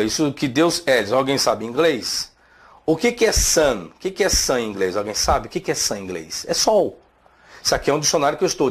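A man's voice: medium pitch, breathy edge. A man teaching theology, rebutting a video with emphatic rhetorical questions.

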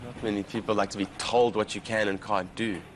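A man's voice: lowish voice, fairly even intonation, fairly quick, crowd noise. A man, a ship's crew member, talking casually in an interview with a slightly exasperated manner.

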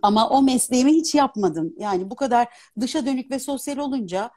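Animated and articulate, this woman in her fifties talks with a husky, mellow tone. Her fairly high voice rises and falls in wide, lively sweeps. She speaks as a guest in a casual live chat on a phone stream. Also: a little fast. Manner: animated, articulate, laughs easily. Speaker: guest, opera singer and dubbing artist. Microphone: phone on a live video stream.

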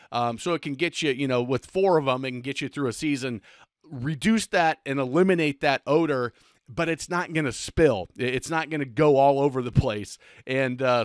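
A man's voice: mid-range voice, clean tone, dry recording, studio quality. A man in his forties, a boating channel host, giving a casual rundown of products to camera with lots of ums and restarts. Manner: chatty, frequent ums and restarts. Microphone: desk microphone on camera.

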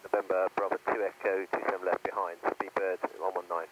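A man's voice: sits low, little pitch movement, brisk, a bit bright. A man, an airline pilot, reading back tower instructions in clipped procedural phrases over his cockpit headset radio. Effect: pilot speaking over cockpit headset radio. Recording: noisy aviation radio feed.

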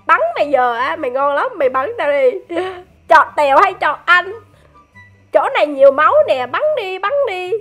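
A woman giving excited game commentary, teasing and chatty, laughing often and talking straight to her viewers. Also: high voice, normal speed, faint music behind. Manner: addresses viewers directly. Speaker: gaming YouTuber.

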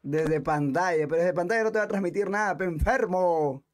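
A fairly high-pitched man, reacting live as a streamer to a rap battle. He talks brashly in quick rambling asides and swears a lot.

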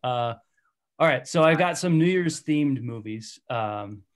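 A hungover man hosts a casual movie podcast over a video call. His pitch sits in the middle for a man, and he talks in a loose, jokey, easygoing way. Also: lively intonation, unhurried. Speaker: podcast host. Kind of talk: casual film podcast chat.

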